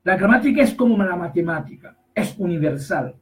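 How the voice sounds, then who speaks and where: A man preaching a sermon, emphatic and repetitive, slowly reading scripture verses and then explaining them. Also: high voice, expressive, distant mic, low-quality recording. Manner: emphatic, repetitive, rises to shouts on key phrases.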